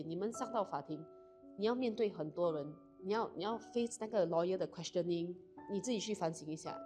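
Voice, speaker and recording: Quick young woman, lowish voice, flips between mandarin and english, telling her story on a talk show. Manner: fast, mixes Mandarin and English mid-sentence. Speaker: guest. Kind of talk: candid personal storytelling.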